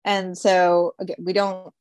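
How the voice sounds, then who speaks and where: A woman's voice: on the low side, little pitch movement, a little slow, darkish tone, no room sound. Chatty woman summarizing a movie plot. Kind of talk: casual chat about a film.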